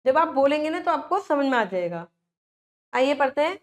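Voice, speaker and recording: A woman's voice: high-pitched, big pitch swings. A woman teaching a Hindi lesson to young children, patiently checking in with questions and stretching out words to model how they sound. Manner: draws out words slowly to model pronunciation.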